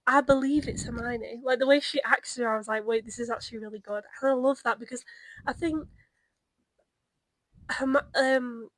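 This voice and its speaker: A young woman co-hosts a podcast, chatting casually and telling animated stories in which she acts out how she reacted in the past. Her voice is on the high side and her pace moderate. The recording is rough but has no echo.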